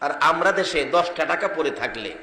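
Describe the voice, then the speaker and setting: A male preacher, giving an impassioned sermon that swings between shouting and hushed asides. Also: a little high, lively intonation, normal speed. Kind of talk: sermon with sung, shouted passages. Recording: echoey hall with long reverb.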